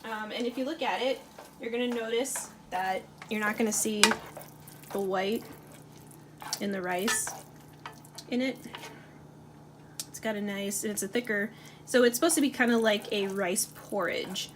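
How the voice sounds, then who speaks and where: Her voice is medium in pitch, and she keeps a measured pace broken by long pauses as she hosts a casual home cooking video. Stirring a pot, she chats away with lots of fillers. The recording carries audible kitchen noise from frying and stirring.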